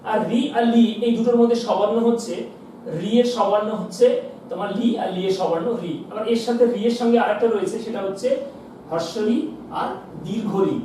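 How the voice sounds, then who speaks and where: A man's voice: high-pitched, brisk, dark tone. A male teacher giving a classroom lesson at the board, explaining step by step and asking his class questions he then answers himself. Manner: explains step by step, asks and answers his own questions, often says "কেমন?". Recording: echoey room, voice from far off, faint hiss.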